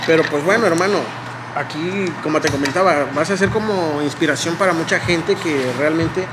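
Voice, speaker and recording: A man in his thirties with a Mexican Spanish accent hosts a casual vlog chat in an indoor café at night, joking and swearing often. His voice is on the high side and he talks at a normal speed. There is background noise.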